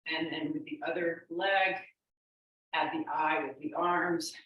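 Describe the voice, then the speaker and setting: Slow-paced woman fitness instructor, very echoey room. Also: sits low, steady tone, lo-fi sound. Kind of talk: exercise class instruction, cueing and counting moves. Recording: very echoey room, distant microphone.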